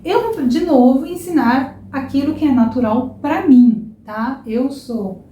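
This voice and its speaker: A young woman from São Paulo with a Paulista Brazilian accent teaches pronunciation to her online students. Her voice sits a little high but sounds mellow rather than bright. She explains patiently and keeps checking in with her listeners, recorded in an echoey room with a faint hiss behind her. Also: expressive, unhurried, highs cut off. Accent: São Paulo Brazilian Portuguese. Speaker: Portuguese teacher. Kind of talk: online language lesson.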